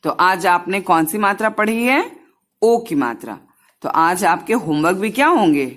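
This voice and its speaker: A woman's voice: lowish voice, animated, normal speed, a bit bright. A woman teaching young children a Hindi lesson, sounding out each syllable patiently and mixing in English words.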